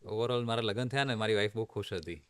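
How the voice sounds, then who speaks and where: Relaxed Gujarati-accented doctor. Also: male voice, fairly low pitch, fast, clear, resonant tone. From Ahmedabad, India. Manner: relaxed, mixes English phrases, light laughter. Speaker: oncologist guest. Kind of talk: conversational interview.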